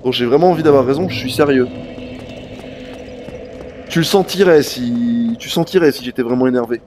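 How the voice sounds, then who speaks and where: A man's voice: mid-range voice, moderate pace, noisy background. A man streaming a video game live, chatting straight to his viewers with casual swearing. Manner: animated, talks straight to chat, swears casually. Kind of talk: live gameplay commentary.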